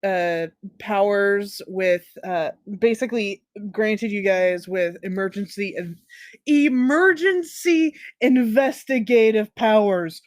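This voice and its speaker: A game master narrating a tabletop game in a halting, improvised way, stumbling over words. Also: mid-range voice, expressive, no room sound.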